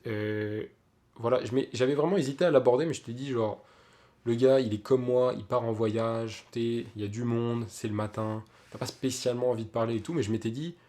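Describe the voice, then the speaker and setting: A man's voice: mid-range voice, mellow. A young man, telling a story in a casual vlog, chatty, with many fillers and restarts. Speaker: vlogger.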